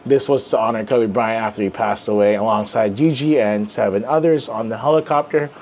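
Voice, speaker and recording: A man's voice: on the low side, a little fast, darkish tone, a little hiss or hum. A young man giving a casual desk tour in a chatty, rambling way with lots of fillers. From Filipino heritage. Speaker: comic channel host.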